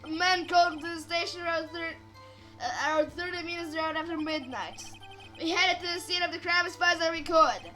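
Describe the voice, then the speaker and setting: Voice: extremely high pitch, fairly quick, bright, forceful tone, faint music behind, rough recording. A player doing a nervous clumsy detective. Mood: plodding. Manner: plodding, nervous report.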